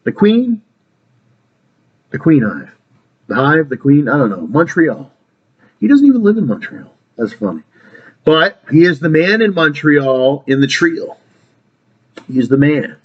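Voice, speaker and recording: A man's voice: on the high side, sing-song, unhurried, pauses often, breathy edge, highs cut off. A man talking in a rambling casual monologue, trailing off and restarting, swearing casually. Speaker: vlogger.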